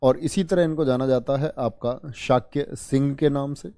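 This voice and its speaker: A man's voice: mid-range voice, a little slow, warm tone, no echo. Man teaching an online history class. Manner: repeats key terms and quizzes students; addresses students as children.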